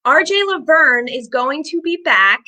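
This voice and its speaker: A woman hosting a live-stream interview with a high, bright voice. She sounds upbeat and chatty and drops in fillers as she goes. Her tone is sharp and forward. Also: expressive, measured pace. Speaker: host.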